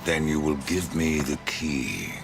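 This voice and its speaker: A grim, sardonic horseman of death in a video game. His voice sits extremely low and rasps with a gravelly grind, yet it rises and falls with lively contour. A loud game score plays under him. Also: takes it slowly, music in the background, heavily acted. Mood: cold. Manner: terse, dry and sarcastic. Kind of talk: video game cutscene acting.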